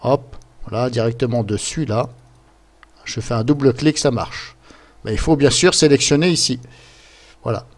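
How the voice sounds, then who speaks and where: A man with a mid-range voice talks at normal speed, pausing often, as he improvises a casual screen-share tutorial step by step. His delivery is loose, rambling and hesitant, full of filler words, picked up on a computer microphone.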